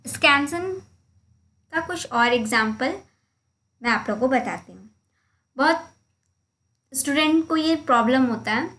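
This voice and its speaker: A woman's voice: fairly high pitch, fairly bright tone. A woman teaching a literature lesson, explaining a slide step by step and calling out stressed and unstressed syllables. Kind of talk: slide lecture in Hindi mixed with English.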